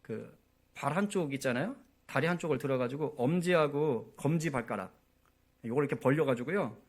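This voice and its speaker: A man's voice: medium pitch, fairly quick. A man preaching a sermon as pastor at a church prayer meeting, telling stories and often checking in with the congregation. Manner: storytelling, often asks the congregation for agreement.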